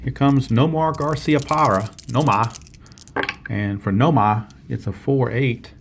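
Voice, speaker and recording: Man, tabletop baseball play-by-play, mid-pitched voice, steady explaining tone, faint hiss behind. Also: a little slow, gravelly. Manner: steady, explains each dice roll, self-corrects. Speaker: tabletop baseball game player and commentator. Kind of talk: play-by-play commentary of a tabletop game.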